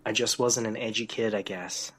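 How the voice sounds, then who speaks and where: A man's voice: lowish voice, steady tone, normal speed, a bit bright, slightly rough. A man co-hosting a casual podcast chat, steering the topic and chuckling through his sentences. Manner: leads the topic, laughs often mid-sentence. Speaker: podcast co-host.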